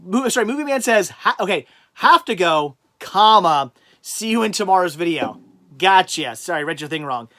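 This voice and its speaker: A man's voice: on the high side, sharp tone. A man hosting a casual livestream, reading chat comments aloud and rambling through answers with many restarts. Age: adult with a child.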